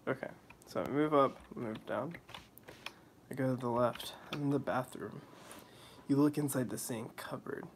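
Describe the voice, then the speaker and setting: A man's voice: mid-range voice, moderate pace, pauses often, slight background noise. A young man casually commenting on a video game and reading its text aloud in a wry, offhand way. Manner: wry, offhand, drops into mock voices and whispers. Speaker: let's play commentator.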